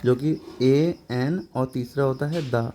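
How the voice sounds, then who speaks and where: A man teaching English grammar in Hindi. He explains each point step by step, keeps asking if it is clear, and reads the English example sentences slowly. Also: mid-range voice, warm tone, a little hiss or hum. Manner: explains step by step, often checks understanding with questions.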